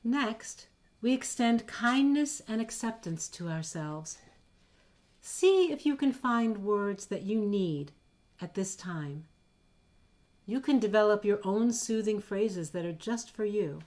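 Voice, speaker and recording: A woman leading a gentle guided meditation in a worship service, speaking softly and slowly. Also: mid-range voice, expressive. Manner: slow, gentle and soft-spoken. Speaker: worship leader.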